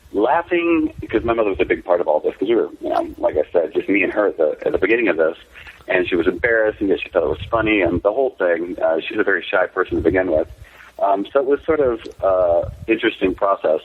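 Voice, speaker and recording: A man's voice: deep voice, husky. A man, a company founder, telling candid, rambling anecdotes in a casual interview over the phone. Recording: tinny phone line.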